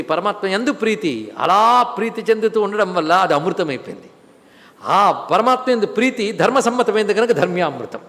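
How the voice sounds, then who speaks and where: A male spiritual lecturer giving a devotional scripture discourse, chanting verses in a sung cadence and then explaining them with lively storytelling. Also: high-pitched. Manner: storytelling with lively rises and drops. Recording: long hall reverb.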